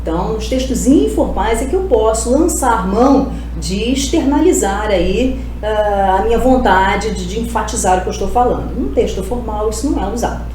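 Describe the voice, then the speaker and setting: A woman's voice: fairly high pitch, expressive, mellow, slight background noise. A woman teacher giving an exam-prep lesson, asking rhetorical questions and answering them herself. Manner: explains with rhetorical questions and quick self-answers. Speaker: Portuguese teacher. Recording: roomy echo.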